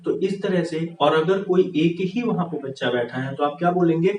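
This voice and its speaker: A man's voice: a little high, moderate pace. A man teaching English grammar, asking questions and answering them himself. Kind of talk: classroom-style grammar lesson. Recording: echoey room, far from the mic, with noise.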